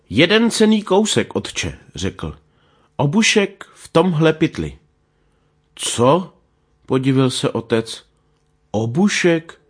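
Lively male fairy tale reader. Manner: lively, voices characters with small pitch shifts. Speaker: storyteller.

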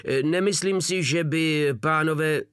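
A man's voice: on the high side, a bit bright, clear, resonant tone, no echo, studio quality, pitched above the performer's own voice, natural voice. A man voicing a skinny, timid, mouse-like waiter who answers meekly and too politely. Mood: servile. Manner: meek, overly polite.

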